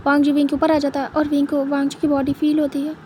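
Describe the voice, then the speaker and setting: A woman narrating a fan fiction story in a steady, plain retelling. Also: high voice, quick pace, a little hiss or hum. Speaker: fanfiction narrator.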